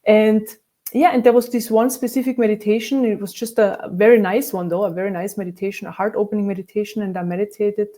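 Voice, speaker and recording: Mellow-voiced woman, reflective. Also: medium pitch, fairly even intonation, fast talker. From Austria. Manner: thoughtful, with frequent restarts. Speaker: spiritual teacher and guest. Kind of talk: reflective interview conversation.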